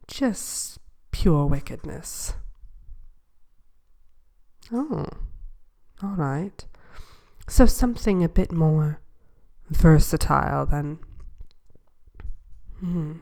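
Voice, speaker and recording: Creaky low-voiced wicked witch played by a woman, soft-spoken ASMR roleplay, sly, genteel, hesitant, half whispering. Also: heavily acted. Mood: smugly gracious, then coy, conspiratorial. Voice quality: soft, breathy, partly whispered. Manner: slow, hesitant drawl with genteel, formal wording.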